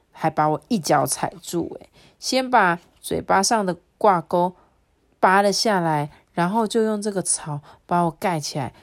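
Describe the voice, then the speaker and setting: Woman storyteller, lower-pitched, expressive read-aloud for children.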